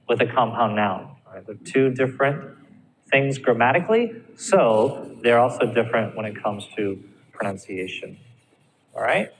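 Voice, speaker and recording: Male ESL teacher, mid pitch, encouraging lecture style, reverberant room with faint background noise. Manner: encouraging, checks in with frequent "all right?". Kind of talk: recorded classroom lecture.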